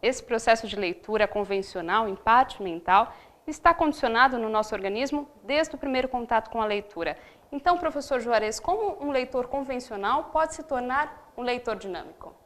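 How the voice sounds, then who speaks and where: A woman interviewer asking prepared questions in a formal, measured way. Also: fairly high pitch, lively intonation, fairly bright tone.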